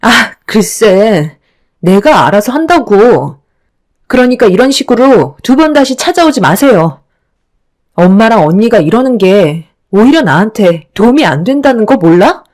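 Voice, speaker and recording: A woman's voice: medium pitch, sing-song, measured pace, darkish tone. A woman voicing a young wife who snaps back defiantly at her family in a radio story reading.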